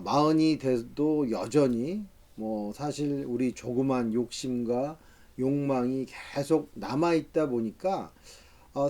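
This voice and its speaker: A professor in his fifties gives a reflective book review in the style of a talk, hesitating often. His voice is mid-range and warm.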